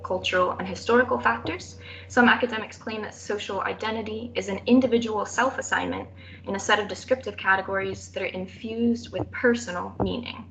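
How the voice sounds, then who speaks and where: A woman's voice: medium pitch, a little hiss or hum, rough recording. A young woman giving a prepared academic thesis presentation in a formal, careful manner with occasional hesitations. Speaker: student presenter defending a thesis.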